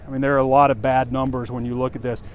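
Rapid-fire and flat in delivery, this mid-range voice belongs to a man in his forties who publishes a sports site. He rambles candidly about sports with fillers while walking outdoors on a campus street near a stadium, a phone camera held close, with faint street noise in the background.

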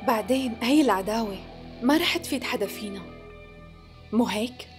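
A woman with a Syrian Arabic accent dubbing a scheming, smooth-talking sultan's wife, coaxing and polite with a pointed edge. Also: a little high, lively intonation, brisk, soft background music, close to an everyday voice. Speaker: dub actress. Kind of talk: dubbed TV period drama.

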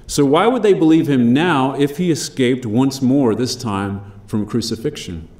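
Man, preacher, sermon, mellow dark tone, roomy echo, measured emphatic delivery. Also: medium pitch. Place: church.

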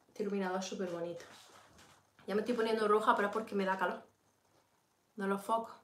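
Speaking quickly at a medium pitch with fairly even intonation, a beauty livestream host with a Peninsular Spanish accent runs a casual makeup tutorial from home. She's chatty, addresses her viewers directly, and reads and responds to their comments while working. The room sounds echoey.

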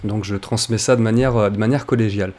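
A man's voice: on the low side, fairly even intonation, quick pace, a little mellow, a little hiss or hum. French male host of a live web show. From France. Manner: friendly, reads viewer comments aloud.

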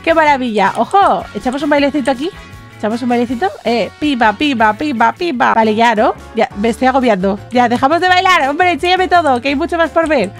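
A woman's voice: sits high, fast, faint music behind. A woman with a Spanish accent from Spain, giving a bubbly, exclamatory game tour while talking straight to her viewers. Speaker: Roblox YouTuber. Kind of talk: excited gameplay tour commentary.

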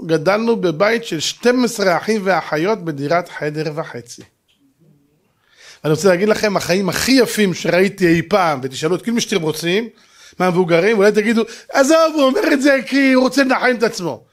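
Middle-aged rabbi, high voice, animated storyteller who acts out voices for a crowd. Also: male voice. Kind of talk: sermon.

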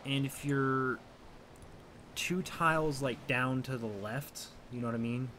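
A man streaming a strategy game with friends, chatting casually and breaking into excited sound effects. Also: medium pitch, a little slow, a little hiss or hum. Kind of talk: casual gaming chat.

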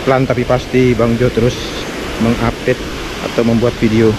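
A man walks viewers through a jungle trail on a casual travel vlog, full of eager exclamations as he goes. His voice comes through an action camera, and loud rushing water nearly swamps it. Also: mid-range voice, little pitch movement, noisy background. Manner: enthusiastic, exclaiming often, addressing viewers as friends. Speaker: travel vlogger. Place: outdoors in a tropical forest by a waterfall.

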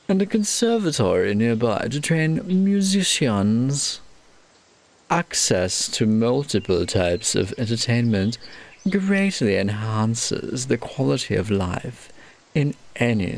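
A man's voice: mid-range voice, big pitch swings, slow, creaky. A man playing a city-building game, reading its text aloud and muttering building names twice over as he plays. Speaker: let's play gamer. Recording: game music under the voice. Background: game music.

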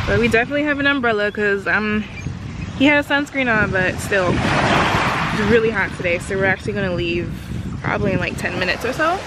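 Chatty young mom with lively high voice. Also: female voice. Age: young adult. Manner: chatty, animated, sings to her baby. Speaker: vlogger, mother. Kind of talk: casual vlog chat. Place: inside a car, then outdoors. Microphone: phone camera at arm's length. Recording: loud background noise.

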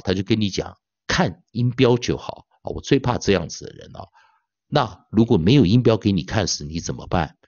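A male pronunciation teacher giving an online lecture, dotting his speech with drawn-out filler particles and slowly repeating demonstration words. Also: on the low side, gravelly, darkish tone, no echo. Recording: dull lo-fi dry sound.

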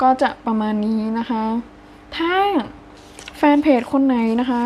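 A woman's voice: a little high, a little hiss or hum. Polite Thai-speaking woman teaching a language. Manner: polite, ends phrases with soft particles. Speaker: Vietnamese language teacher, page admin. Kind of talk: casual spoken language lesson.

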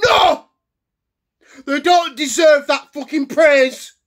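A man playing an angry young football fan in a comedy sketch, ranting and swearing with shouted bursts. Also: extremely high pitch, slow, heavily acted. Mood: furious. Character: furious English male football fan ranting. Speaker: comedy character.

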